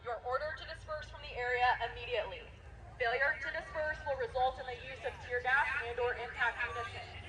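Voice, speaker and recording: A woman giving stern, formal police dispersal orders, blared through a long-range loudspeaker sound cannon. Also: high voice, quick pace, noisy background. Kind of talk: official dispersal warning. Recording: distant outdoor loudspeaker, heard from far off.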